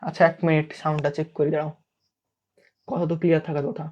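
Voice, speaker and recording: A man's voice: a little high, flat delivery, rapid-fire, a little mellow, dull audio. A young man with a Bangladeshi Bengali accent teaching a live online English class, checking in with students again and again. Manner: checks in constantly, asks students to comment. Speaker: English tutor.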